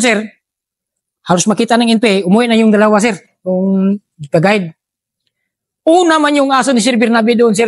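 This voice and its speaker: High-voiced man telling war stories. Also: a little mellow, dry recording. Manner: addresses the listener as sir after nearly every phrase; acts out quoted dialogue in his telling. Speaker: former soldier telling a war story. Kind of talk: spoken war story told to an interviewer.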